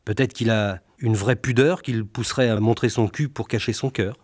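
A man's voice: medium pitch, fairly even intonation, normal speed, darkish tone, dry recording, clean studio sound. A man delivering a scripted satirical monologue in a literary, mock-lyrical and sardonic manner. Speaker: humorist delivering a satirical chronicle.

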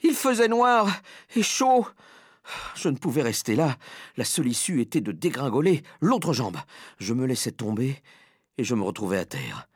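Male audiobook narrator, lively swings in pitch, dramatic, dry close sound. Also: normal speed, husky, no room sound. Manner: animated, dramatic first-person telling. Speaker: audiobook reader. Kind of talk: expressive storybook narration.

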